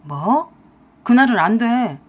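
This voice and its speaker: A woman voicing a lazy, scheming husband who whines and pleads in a lowered voice. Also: sing-song, takes it slowly, exaggerated voice. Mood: whiny. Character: lazy, scheming husband, grown man, whiny and sly.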